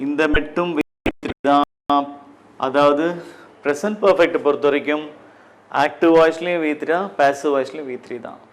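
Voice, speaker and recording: A man with a Tamil accent teaching an English grammar lesson, drilling phrases one by one in a deliberate way. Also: on the high side, a little hiss or hum. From Tamil Nadu, India.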